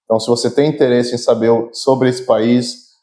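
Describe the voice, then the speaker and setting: A man's voice: mid-range voice, flat delivery, quick pace, dark tone. A man hosting an interview, asking talkative, friendly questions in Portuguese and English. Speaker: host.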